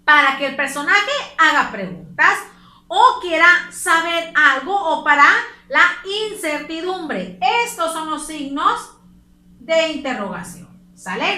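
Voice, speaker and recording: Bright-voiced Mexican teacher in an echoey room. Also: female voice, high voice, lively intonation, unhurried. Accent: Mexican Spanish. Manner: patient, explains step by step and checks in with the class. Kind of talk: recorded class lesson for children.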